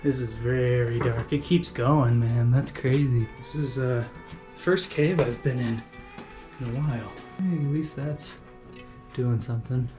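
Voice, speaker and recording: A man's voice: medium pitch, unhurried, music in the background. A man hosting a casual exploring vlog, talking in a slangy, joking, exclamatory way. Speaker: vlog host.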